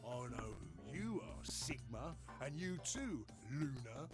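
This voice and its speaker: An actor voicing a chatty, cheeky working-class male robot in a video game, with a broad Cockney accent and rough, slangy speech. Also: mid-range voice, sing-song, takes it slowly. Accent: Cockney English. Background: game music.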